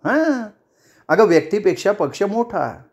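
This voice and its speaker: A man's voice: sits high, very animated, measured pace, pitched above the performer's own voice, heavily acted. A man voicing a confident, proud woman politician in a storybook reading, firm and cutting. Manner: firm, cutting, self-assured.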